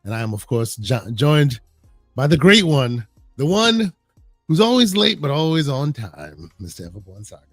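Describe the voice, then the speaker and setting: A hoarse, sick man hosts a casual podcast, often restarting his words and greeting his listeners. His voice sits at an ordinary male pitch, and the sound is dry and close, with faint music underneath. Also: big pitch swings, no echo. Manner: halting, repeats words, friendly shout-outs. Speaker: podcast host.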